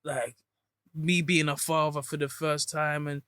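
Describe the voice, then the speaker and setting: A man's voice: fairly high pitch, flat delivery, a little slow, pushed and bright, clear, resonant tone, dry recording. A man in his thirties with a London accent, chatting casually as an interview guest in roadman street slang. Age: 30s. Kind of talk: casual chat.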